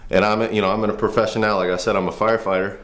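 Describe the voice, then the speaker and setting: A man's voice: fairly low pitch, level tone, rapid-fire, fairly bright tone. A man in his thirties, a firefighter and trainer, giving a casual, earnest workout demo in a home garage, rambling with restarts.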